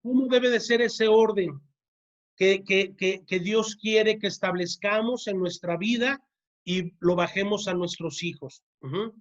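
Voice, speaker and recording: With a medium-pitched voice and measured pace, a church teacher runs a parenting class, repeating key words for emphasis and frequently checking in with listeners by asking "¿sí?". The recording's highs are cut off.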